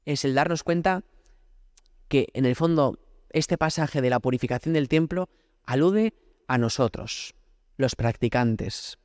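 A man's voice: medium pitch, a little slow, long pauses, darkish tone, no room sound, clean studio sound. A man from Spain, a priest, giving a conversational prayer homily, often asking rhetorical questions and speaking directly to God. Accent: Spanish from Spain.

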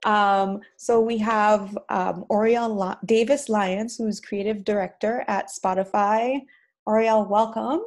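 A woman hosting and moderating an online panel discussion over a video call, speaking haltingly with frequent ums. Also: mid-range voice, fairly even intonation. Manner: warm, halting with many ums. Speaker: guest host and moderator. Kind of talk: webinar panel introduction.

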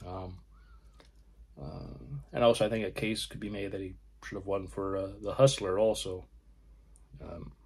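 A man hosting his own film channel, casually showing his disc collection in halting, rambling talk with frequent pauses. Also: low voice, fairly even intonation, creaky, a little mellow, slightly rough. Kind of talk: casual video collection review.

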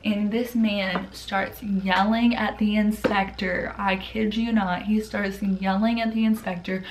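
A woman's voice: medium pitch, fairly even intonation, measured pace, slight background noise. A young woman vlogger telling stories in a casual, chatty way, full of fillers and restarts. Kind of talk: casual storytelling vlog.

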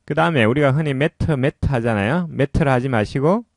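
A man's voice: medium pitch, vocal fry, dry recording. Guy teaching english pronunciation, patient and explaining, dry close sound. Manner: patient and explanatory, often pausing with "자".

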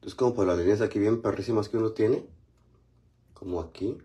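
A chatty Mexican man hosting a casual livestream. His voice sits a little low, and his talk is loose and slangy as he greets viewers by name while doing his skincare. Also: fairly quick, warm tone. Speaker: livestream host.

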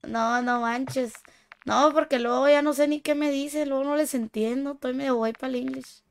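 A woman with a smooth, high voice and a Mexican accent chats casually while streaming a shooter game. At a moderate pace and with fairly even intonation, she offers playful teasing and a bit of boasting.

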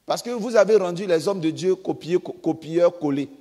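Husky Ivorian French preacher, loud then hushed. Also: male voice, high voice, moderate pace. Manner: emphatic, jumps between loud outbursts and quiet asides. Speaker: pastor. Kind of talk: sermon. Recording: long reverb of a church hall.

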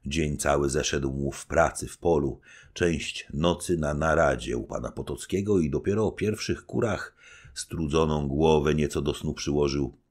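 A man narrating a classic novel as an amateur audiobook reader, with expressive intonation. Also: rumbling low, moderate pace, breathy edge.

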